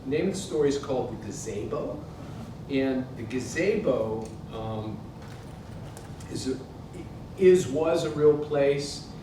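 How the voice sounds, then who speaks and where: In an indoor museum event space, an American author in his sixties from Pittsburgh gives a literary reading from his book before a live audience. He is expressive, keeps a measured pace, and pauses often. The sound is captured from afar in a very echoey hall with a noisy rumble.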